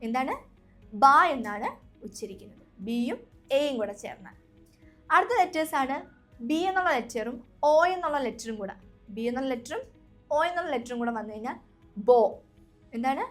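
A woman's voice: sits high, animated, fairly quick, long pauses. A young woman with a Malayali accent teaching an English lesson, patiently repeating each sound and quizzing her listeners. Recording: faint background music.

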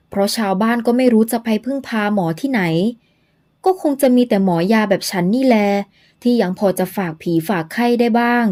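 An earnest, worried young male herbal doctor in an audio novel speaks in a measured, gently pleading way, voiced by a woman narrator. His voice is mellow and warm. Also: on the high side, natural voice.

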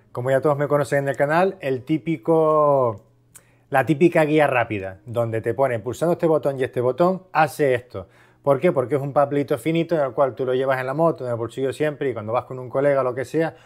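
A man from Spain with a medium-pitched, slightly mellow voice hosts a video product review. It's casual and conversational, and he explains things by asking questions and answering them himself.

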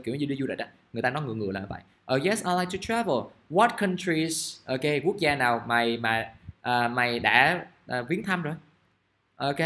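A man, teaching English grammar in a casual, chatty way and reading example sentences out slowly. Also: mid-range voice, bright, forceful tone. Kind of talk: casual classroom explanation. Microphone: recording device at his desk.

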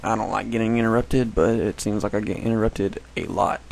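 A man chats casually over his gameplay, rambling and often fixing his own slips. His voice sits a bit low and has a gravelly texture. A faint hiss stays in the background. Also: fairly even intonation, brisk, a little mellow, poor audio. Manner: rambling, self-correcting. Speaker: gameplay commentator.

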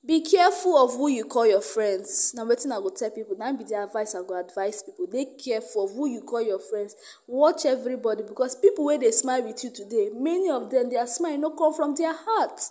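Nigerian woman, gossip commentator; high-pitched, warm tone, emphatic Pidgin-laced delivery. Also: animated, fairly quick.

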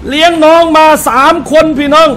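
An Islamic religious teacher preaches a sermon to a live audience in a restaurant hall, his voice extremely high, level, brisk and a bit bright, with a little hiss or hum. He tells personal anecdotes, acts out short quotes, and calls out to his listeners as brothers and sisters.

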